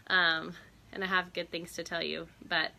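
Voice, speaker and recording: A woman's voice: lowish voice, level tone, moderate pace, gravelly, sharp tone, a little hiss or hum. A woman hosting a casual live stream outdoors on a porch, chatty, greeting viewers by name and laughing often.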